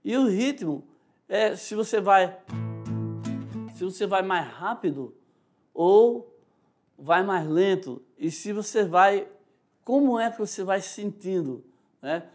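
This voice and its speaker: High-voiced Brazilian male teacher. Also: animated, slow, long pauses, darkish tone, faint music behind. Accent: Brazilian Portuguese. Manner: explanatory, frequent "tá?" and "né?" check-ins, demonstrates rhythms aloud. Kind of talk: recorded online class lecture.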